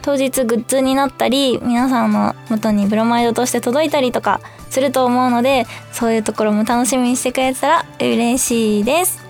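A woman's voice: fairly high pitch, steady tone, fairly quick, few pauses, darkish tone, faint music behind. A young woman hosting her own radio show, chatting casually and bubbly on her own, acting out little quotes as she goes. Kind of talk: casual solo free talk.

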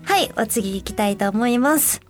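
A woman's voice: a little high, expressive, moderate pace, faint music behind. A young woman from Osaka hosting a casual radio show, chatting in a friendly way and thinking aloud between listener letters. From Osaka, Japan.

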